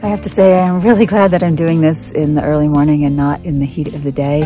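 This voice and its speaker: Middle-aged woman, hiking vlogger, hot and worn out but upbeat, phone at arm's length outdoors, slightly low voice. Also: flat delivery, fast talker, warm tone, soft background music. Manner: chatty, upbeat, laughs often. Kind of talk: casual trail vlog. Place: outdoors on a mountain trail.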